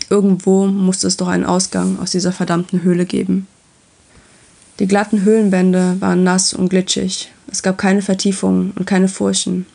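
A woman narrating a fantasy story in a calm, even reading voice. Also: fairly low pitch, vocal fry.

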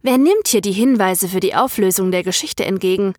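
A woman voicing a direct, eager young woman in an audiobook story, speaking briskly. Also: medium pitch, a little mellow, dry recording, clean studio sound, close to an everyday voice. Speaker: story character.

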